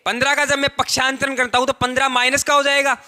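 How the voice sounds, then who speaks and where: A man's voice: very high voice, completely flat delivery, fast, pushed and bright. A man teaching a class, repeating key points and asking his students questions. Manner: repetitive, asks the class questions. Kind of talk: classroom lecture.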